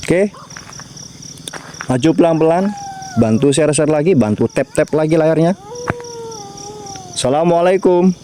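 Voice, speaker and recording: A man's voice: fairly high pitch, moderate pace, long pauses, dark tone, a little hiss or hum. A man with a Javanese accent livestreaming from a riverside grave at night, chatting with viewers and calling out to spirits. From Java. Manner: chatty, talks to viewers and chat, invokes spirits. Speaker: mystery vlogger.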